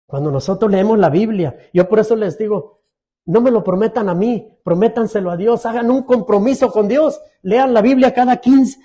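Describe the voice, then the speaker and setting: A man's voice: high voice, mellow, breathy edge. A middle-aged man preaching a sermon as pastor, earnest and pleading, often asking his congregation questions.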